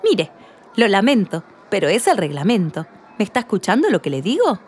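A woman's voice: medium pitch, very animated, fairly quick, darkish tone, voice pushed down, close to an everyday voice. A woman voicing a fussy, rule-bound cashier in a read-aloud play, insistent and easily flustered. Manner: insistent, grows exasperated and fussy.

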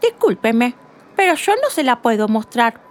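A woman voicing a stubborn, hurried shopper in a read-aloud play, pushing her words out with emphasis. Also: a little high, sing-song, soft background music. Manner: stubborn, rises to emphatic outbursts.

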